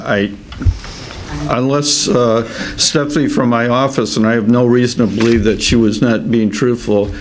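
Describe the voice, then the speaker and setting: A man speaking as a city official, explaining things at a meeting in a halting way with repeated words. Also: mid-range voice, steady tone, rough recording. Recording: faint room noise at public meeting.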